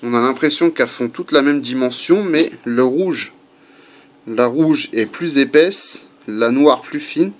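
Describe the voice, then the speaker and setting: A medium-pitched man speaks at a measured pace as he demonstrates an airgun part swap. His casual home video is chatty and crowded with fillers and digressions, and faint construction noise can be heard behind him.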